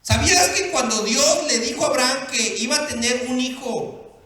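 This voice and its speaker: A man's voice: very high-pitched, normal speed, bright, forceful tone. A male pastor preaching a sermon, playful and acting out the characters in his stories. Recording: echoey hall with long reverb.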